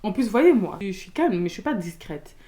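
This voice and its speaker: A young woman from Belgium, telling a storytime in casual slangy chat, loud and expressive, acting out the people in her story. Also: mid-range voice, moderate pace. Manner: casual slangy talk with many fillers.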